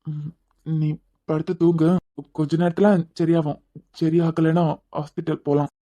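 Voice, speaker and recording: A woman's voice: low-pitched, little pitch movement, normal speed, dull audio, close to an everyday voice. A woman voicing a worried young husband in a cartoon who keeps pressing his wife to see a doctor. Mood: gentle. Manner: pressing, gently coaxing. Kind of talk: cartoon voice acting.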